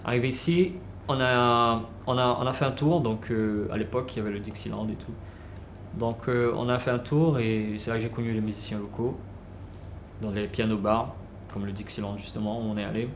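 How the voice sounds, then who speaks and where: A man telling his life story casually, unhurried, with many fillers and restarts. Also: mid-range voice, fairly even intonation. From French Guiana. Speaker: musician. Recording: roomy with clear background noise.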